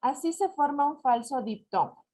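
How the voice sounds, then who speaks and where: A woman's voice: high-pitched, animated, warm tone. Patient, didactic woman teacher, Ecuadorian Spanish. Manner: didactic, slows to spell out examples, asks "¿ya?" to check understanding. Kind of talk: recorded lesson explaining syllable counting.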